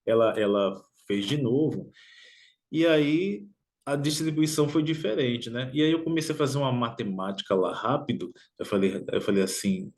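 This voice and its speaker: Brazilian guy telling a story from his life, thoughtful, keeps tossing in little tag questions. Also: medium pitch. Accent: Brazilian Portuguese. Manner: reflective, frequent "né?" tag questions. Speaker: motivational video host. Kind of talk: personal storytelling monologue.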